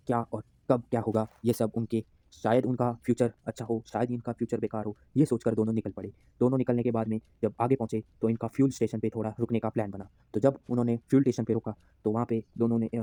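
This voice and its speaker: A man's voice: mid-range voice, warm tone, dry recording. A man narrating his own story casually as a YouTube storyteller, chatty and prone to restarts.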